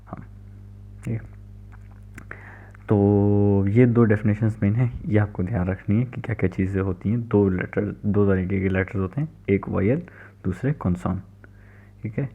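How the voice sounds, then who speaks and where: A man's voice: on the low side, steady tone, normal speed, vocal fry, pauses often, husky. A man giving a recorded language lecture, explaining patiently and checking in often. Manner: explains patiently, repeats "theek hai" often. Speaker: language teacher. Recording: tinny phone-like recording.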